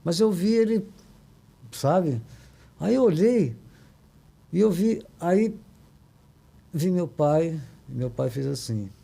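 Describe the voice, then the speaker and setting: Older Brazilian man, guest storyteller; low gravelly tone, halting delivery with frequent tag questions. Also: lively intonation, warm tone. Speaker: podcast guest. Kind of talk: emotional personal storytelling.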